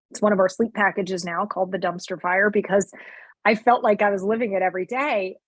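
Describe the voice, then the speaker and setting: A woman's voice: mid-range voice, no echo. Woman telling her story in a dry, close sound. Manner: lively, acts out quoted voices, many fillers. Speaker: sleep consultant guest. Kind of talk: candid personal storytelling.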